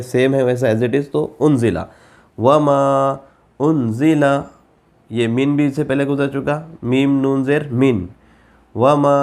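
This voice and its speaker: A male Quran reading teacher spells out each syllable at a very slow, deliberate pace, with his pitch sitting in an ordinary middle range. He pauses between letters and vowel marks, then breaks into quicker explanations of the reading rules. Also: a little mellow.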